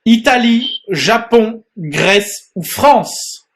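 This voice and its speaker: A man's voice: high-pitched, lively intonation. A man hosting a quiz, reading out questions and multiple-choice answers and joking with the contestant. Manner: reads quiz questions slowly, laughs and teases. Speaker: quiz host. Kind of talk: playful quiz show banter.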